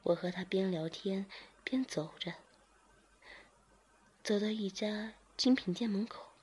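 Female narrator for a whispered story; hushed, airy voice, unhurried delivery. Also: medium pitch, husky. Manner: slow, hushed reading.

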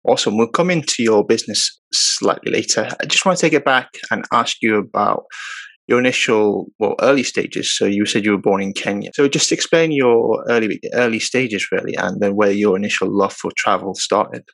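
Gravelly-voiced male podcast host. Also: lowish voice, moderate pace, no echo. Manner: relaxed, conversational with fillers. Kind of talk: interview podcast.

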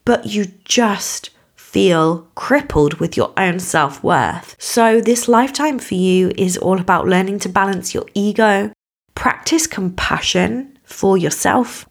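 Female podcast host, croaky voice, mid pitch, earnest emphatic delivery, reassuring spiritual guidance addressed to one listener. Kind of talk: spiritual teaching monologue to listener.

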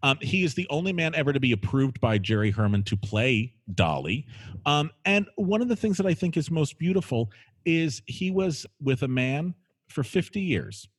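A man's voice: a little high, big pitch swings, normal speed, husky. A man hosting a conversational interview, effusive and emphatic, often repeating phrases for weight. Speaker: host.

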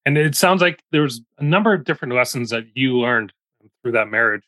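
A man hosts a parenting podcast and asks calm, measured follow-up questions. His voice sits at a middling pitch in a dry, close recording. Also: no room sound. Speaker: podcast host. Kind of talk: interview questions.

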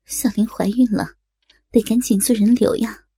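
A woman's voice: a little high, steady tone, normal speed, creaky, warm tone, slightly rough. A woman voicing an anguished middle-aged mother who wails and laments. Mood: anxious. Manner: wailing, lamenting.

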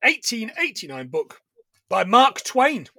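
A man's voice: extremely high pitch, unhurried, vocal fry, no room sound. A man co-hosting a casual chat, recapping a film with lots of laughter and swearing. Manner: animated, sweary, laughs a lot. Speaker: podcast co-host recapping a film.

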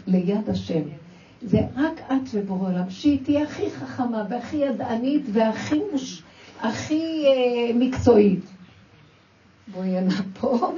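Her voice sits on the high side with a dark tone as she leads a religious class for women, telling personal stories and performing quoted dialogue while addressing the audience directly. The sound is dull and roomy, recorded from afar.

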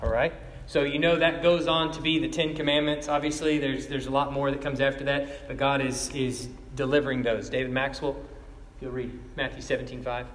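A man's voice: mid-range voice, flat delivery, a little fast, a bit bright, a little hiss or hum. Chatty man teaching a Bible class. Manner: chatty, laughs often, calls on students by name. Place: large room with a class. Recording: echoey hall with long reverb.

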